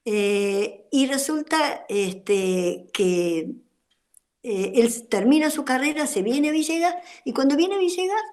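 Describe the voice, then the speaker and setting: A woman's voice: sits high, expressive, slow, darkish tone. An older woman with an Argentine accent giving a personal testimony in an online talk, telling her story in a rambling way with many fillers. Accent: Argentine Spanish. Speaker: guest speaker, former activist.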